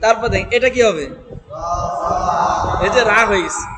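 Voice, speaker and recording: This high-pitched man gives a Quran recitation lesson in a noisy room, speaking with a Bangladeshi Bengali accent. He drills his students patiently with questions and slowly chants the examples.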